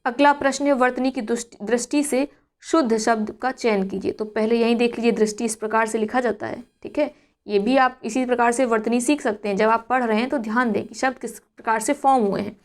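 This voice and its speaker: A woman teaching an exam-prep spelling lesson, explaining step by step and asking herself rhetorical questions before slowly repeating each word. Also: fairly high pitch, fairly even intonation.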